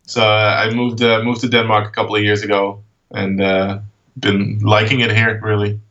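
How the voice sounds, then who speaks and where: A Dutch man in his thirties, a guest in a casual interview, who talks in a halting way with many fillers and restarts. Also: lowish voice, level tone, sharp tone, recorded from a distance, highs cut off. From Netherlands. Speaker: guest, art project founder.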